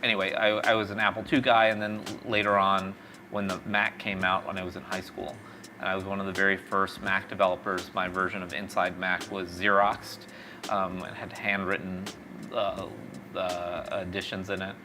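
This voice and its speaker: In a conversational interview, a middle-aged tech founder from East Texas who was born in Mexico recounts stories thoughtfully. He has a deep, level voice at normal speed, and the background is noisy.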